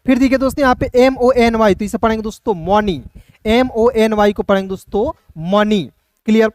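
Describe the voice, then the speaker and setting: Guy teaching english reading, slow spelling out each letter, dry room. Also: sits high, fairly even intonation, darkish tone, no room sound. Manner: slow, spells words letter by letter, asks "clear?". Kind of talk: reading lesson taught in Hindi.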